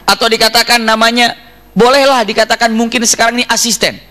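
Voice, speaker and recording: A male preacher giving a storytelling sermon to a women's study group, animated and full of religious exclamations. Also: extremely high pitch, fast talker. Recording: long hall reverb.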